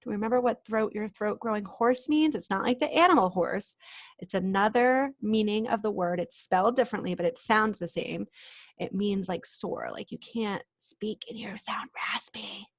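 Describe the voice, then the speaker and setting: A woman with a mid-range voice reads a children's storybook aloud with plenty of expression. Along the way she pauses to explain things and ask her young audience questions in a chatty way.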